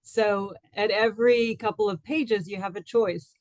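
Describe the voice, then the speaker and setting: A woman's voice: medium pitch, steady tone, unhurried, no room sound, rough recording. A woman in her forties from the United States, speaking as an interview guest in a casual, thoughtful way, with frequent fillers and restarts.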